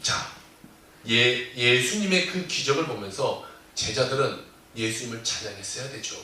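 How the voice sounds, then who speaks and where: A male pastor giving a Sunday sermon, telling the story with lively emphasis. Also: medium pitch, moderate pace, a little hiss or hum. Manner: animated storytelling, acting out disciples' cries. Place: church sanctuary. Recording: echoey church hall, distant mic.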